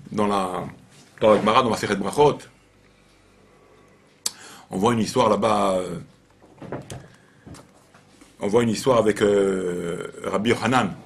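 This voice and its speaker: Man, rabbi, informal Torah lesson, animated storytelling, repeats phrases. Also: on the low side, slight background noise.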